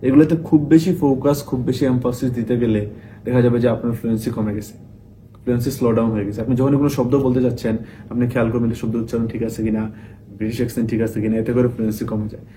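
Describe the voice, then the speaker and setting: A man's voice: medium pitch, steady tone, rapid-fire, warm tone, slight background noise. A young man teaching IELTS speaking tips, explaining in Bengali mixed with English and repeating key points. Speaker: IELTS tutor. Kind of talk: tips video lesson.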